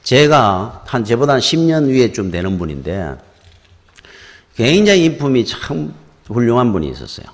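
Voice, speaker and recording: A man's voice: medium pitch, normal speed. A middle-aged man with a Gyeongsang accent, a pastor telling stories in a conversational sermon in a church. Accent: Gyeongsang Korean. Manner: storytelling, conversational and lively. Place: church sanctuary. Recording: reverberant church hall.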